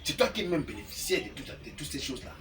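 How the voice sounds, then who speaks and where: An actor playing a lecherous, manipulative middle-aged uncle, insistent and wheedling. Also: male voice, on the high side, big pitch swings, racing, fairly bright tone, slight background noise. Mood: coaxing. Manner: insistent, wheedling, keeps tagging "hein?". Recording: distant mic with background music.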